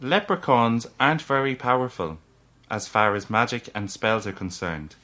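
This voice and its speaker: A man voicing a small, sly and patient male leprechaun in an audiobook, talking slowly and correcting others. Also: medium pitch. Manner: lively, drawn-out, correcting. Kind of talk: audiobook character voice.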